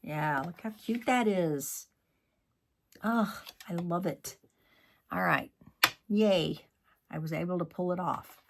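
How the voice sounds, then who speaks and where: A man's voice: sits high, takes it slowly, vocal fry, pauses often, noisy background. A man demonstrating card-making in a chatty tutorial, scolding himself and muttering asides as he works. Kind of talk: crafting tutorial.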